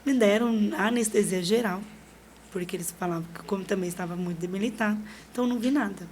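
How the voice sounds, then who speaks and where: A woman's voice: mid-range voice, quick pace, slight background noise. Brazilian woman telling a vivid personal story. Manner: lively, re-enacts dialogue, laughs often. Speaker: podcast guest. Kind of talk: personal storytelling in a casual interview.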